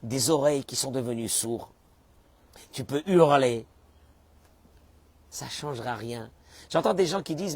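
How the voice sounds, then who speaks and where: A man preaching a sermon in as a rabbi, acting out the people he quotes and suddenly bursting into shouts. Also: on the high side, husky. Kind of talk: animated sermon.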